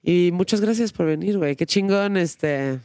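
A man with a Mexican accent hosting a casual interview, relaxed and slangy. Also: sits high, moderate pace, clear, resonant tone, no room sound, clean studio sound. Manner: laid-back, slangy, brief affirmations. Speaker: interview host. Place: radio studio.

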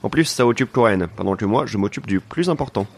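Deadpan low-voiced male narrator. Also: quick pace, slightly rough. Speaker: narrator and lead of a comedy podcast. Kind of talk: scripted comedic detective narration.

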